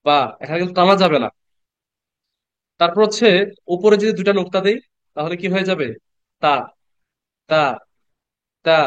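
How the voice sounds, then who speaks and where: A man teaching Quran reading in an online class, patiently repeating letter sounds slowly and asking the class questions. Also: a little high, no echo, lo-fi sound. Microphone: computer mic on a video call.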